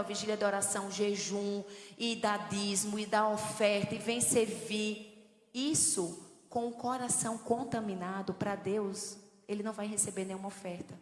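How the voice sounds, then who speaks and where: A woman's voice: medium pitch, steady tone, moderate pace. A middle-aged woman from Northeast Brazil, preaching a sermon with humor and storytelling. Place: church hall. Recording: echoey church hall.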